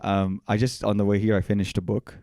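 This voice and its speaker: A young adult man, a comedian co-hosting a podcast, telling stories in animated casual banter with frequent laughs. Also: on the low side, a little fast, dry recording, studio quality.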